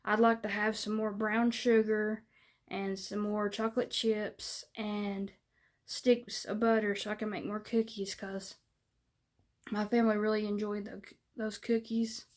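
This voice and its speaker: A woman's voice: medium pitch, level tone, a little slow. A woman chatting casually to her viewers in a folksy, rambling way, with lots of fillers. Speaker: vlogger. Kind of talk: casual chat to camera.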